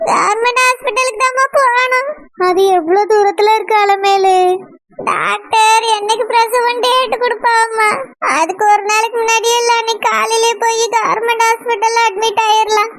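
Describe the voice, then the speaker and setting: A woman's voice: very high voice, flat delivery, normal speed. A woman playing a pregnant young village wife with a Kanyakumari Tamil accent, anxious and tearful, lamenting in a village drama. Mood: explaining. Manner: lamenting, pleading. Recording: loud background noise.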